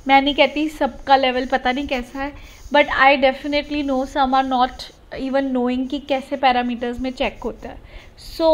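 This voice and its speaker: A woman IELTS teacher with a slight Punjabi accent runs a live online class, mixing Hindi and English and reassuring her students. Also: high voice. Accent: Punjabi-tinged Indian English. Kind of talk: live online class, reading viewer comments.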